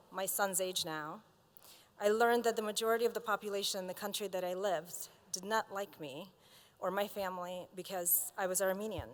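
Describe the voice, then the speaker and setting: A woman in her forties from Azerbaijan, giving an earnest, measured commencement speech. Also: mid-range voice. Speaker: commencement speaker. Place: large hall. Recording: long hall reverb.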